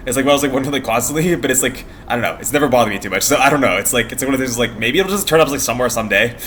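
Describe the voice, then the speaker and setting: Young American male vlogger, rapid meandering chatter, giggly and casual, faint noise behind the voice. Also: mid-range voice, fairly bright tone. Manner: meandering, giggly, trails off mid-thought. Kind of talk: casual rambling vlog chat.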